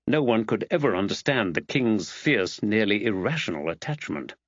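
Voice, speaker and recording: In a measured and expressive manner, a man reads a literary audiobook. His voice sits in the middle range yet shifts pitch a lot, and the recording sounds dry and a bit dull, with no room sound.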